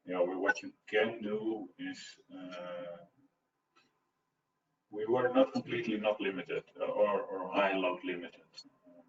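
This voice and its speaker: A man presenting at an online technical talk, answering a question by thinking aloud and searching for words over a video call. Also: low-pitched. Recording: roomy, distant, muffled call audio.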